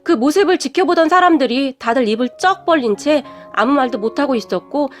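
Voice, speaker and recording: A woman narrating a scripted story in an even, conversational way. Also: high voice, a little fast, soft background music.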